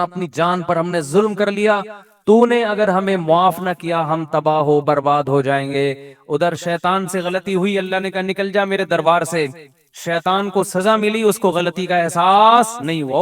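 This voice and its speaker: High-voiced Pakistani man giving a sermon. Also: clear, resonant tone. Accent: Pakistani Urdu. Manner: conversational, acts out quoted people. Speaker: Islamic scholar. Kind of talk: religious sermon.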